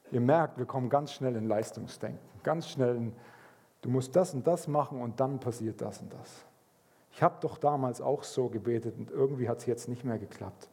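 A man preaching a sermon, telling stories in a lively way and acting out the voices of people in them. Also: mid-range voice. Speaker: pastor.

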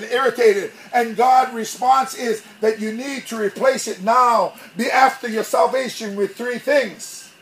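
A male pastor preaches with lively, theatrical energy, slipping into little acted-out scenes. His voice sits high for a man, and a faint hum of noise sits under the recording. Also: rough recording. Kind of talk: sermon.

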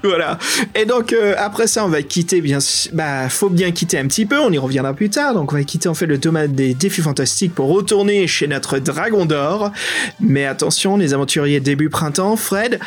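A man with a French accent co-hosting a podcast in casual, excitable, slangy chat. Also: on the high side, normal speed. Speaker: podcast co-host.

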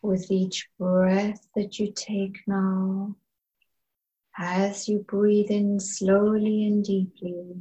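A woman leading a guided meditation in a soft, soothing, breathy manner, leaving long pauses between phrases. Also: medium pitch, level tone, highs cut off. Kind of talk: slow guided meditation narration.

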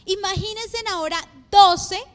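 High-voiced woman preaching in echoey hall. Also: fairly even intonation, a little slow, a bit bright. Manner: asks the congregation many rhetorical questions. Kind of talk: sermon. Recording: long hall reverb.

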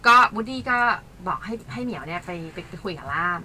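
Woman, casual chat guest, animated storyteller, bright voice, wide pitch swings. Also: quick pace, slightly rough. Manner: animated storytelling, acts out quotes.

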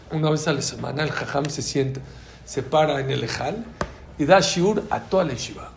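Rabbi, lively lecture voice, somewhat high, roomy echo and faint hiss. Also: male voice, gravelly. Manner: animated, acts out quoted dialogue. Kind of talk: Torah lecture. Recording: echoey room with faint background noise.

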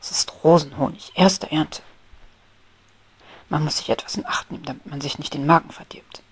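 A woman's voice: low voice, fairly even intonation, normal speed, breathy edge. A woman voicing a prim, grumpy but polite male rose beetle in a whispered storybook role-play, formal in tone. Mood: courteous. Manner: formal, indignant scolding.

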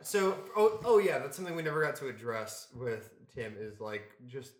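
A man's voice: medium pitch, sing-song, normal speed. Hesitant man co-hosting a podcast, echoey room. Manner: hesitant, full of restarts. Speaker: podcast co-host. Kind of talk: casual group podcast chat.

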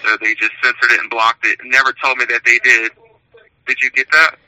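A man's voice: medium pitch, level tone, fairly quick. Man talking on a prison phone. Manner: earnest, reads out his own written essay. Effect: speaking over a prison phone line. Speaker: incarcerated man calling in. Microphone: prison telephone.

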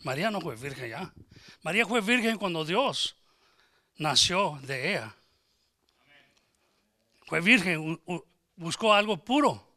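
A man's voice: high-pitched, very animated, a little slow, pauses often, pushed and bright, no echo. A man preaching a sermon, emphatic, asking rhetorical questions and acting out conversations.

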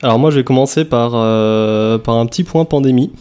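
Mellow-voiced man explaining casually. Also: medium pitch, brisk, clear, resonant tone. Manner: relaxed, explanatory, repeats words. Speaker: podcast co-host. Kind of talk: casual news chat.

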